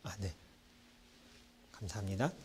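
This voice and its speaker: A man preaching a sermon as pastor, telling stories with lively acted-out voices of children and parents. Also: low-pitched, a little slow, a little hiss or hum. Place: church sanctuary.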